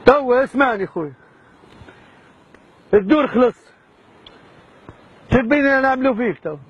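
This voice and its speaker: A man's voice: extremely high pitch, animated, brisk, breathy edge, muffled recording. A man hosting a hidden-camera prank, coaxing and bossy with a mock-menacing edge. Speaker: prank show host.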